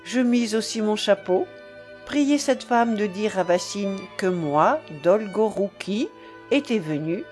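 A woman narrating a novel in a dramatic, expressive reading. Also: medium pitch, slow pace, soft background music. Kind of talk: audiobook narration.

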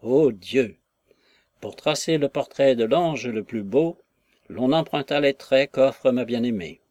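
A man's voice: mid-range voice, expressive, measured pace, a little mellow, no room sound, natural voice. A man voicing a lovesick, earnest young man who speaks in effusive, impassioned outbursts, in an audiobook reading of a classic novel. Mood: smitten. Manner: impassioned, effusive, with sighs and exclamations.

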